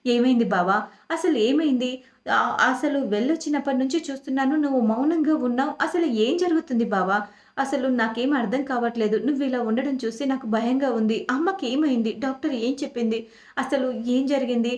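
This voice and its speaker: A woman's voice: high voice, brisk, close to an everyday voice. A woman voicing a frightened pleading young wife. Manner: anxious, repeated pleading questions. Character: distressed young wife pleading with her husband. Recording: echoey room.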